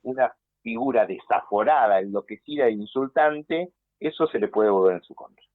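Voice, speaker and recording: A man with an Argentine accent, a political consultant speaking by phone in an animated, analytical way on a radio interview. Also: mid-range voice, normal speed, dry recording. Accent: Argentine Spanish. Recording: tinny dry phone line.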